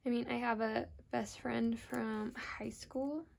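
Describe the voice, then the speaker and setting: A woman's voice: a little high, steady tone, takes it slowly, creaky, darkish tone. A woman with an American accent chatting casually and informally in a rambling, self-deprecating plan-with-me vlog, often trailing off mid-thought. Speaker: planner vlogger.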